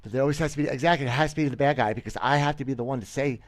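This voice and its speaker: A man in his thirties streams games from a small room, talking very fast in a medium-pitched voice with no room sound. Using a headset mic under webcam framing, he offers casual commentary that's blunt and boastful, with frequent stammers and restarts.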